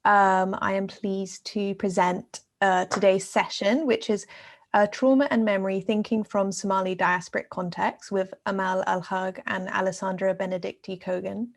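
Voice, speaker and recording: A woman host opening an online event, giving a brief halting welcome with fillers over a video call. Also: mid-range voice, fairly even intonation. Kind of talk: opening announcement.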